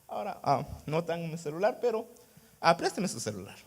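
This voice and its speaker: Speaking fairly quickly, a high-voiced pastor delivers a very animated sermon, swinging from hushed asides to loud bursts of praise. He keeps the congregation engaged with rhetorical questions and a recurring "¿verdad?" ("right?") at the end of his phrases.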